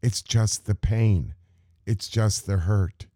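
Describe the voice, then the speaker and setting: Slow, low-voiced man giving a meditation talk. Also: dark tone, dry recording, clean studio sound. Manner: measured, asks rhetorical questions. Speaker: meditation teacher. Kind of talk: contemplative spiritual talk.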